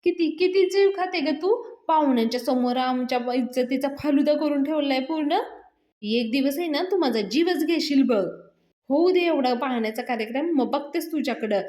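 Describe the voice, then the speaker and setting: A woman voicing an angry middle-aged aunt who scolds loudly, in a serial recap. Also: high voice, lively intonation, a little fast, hardly any pauses. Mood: scolding. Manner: scolding, loud and exasperated. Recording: roomy echo.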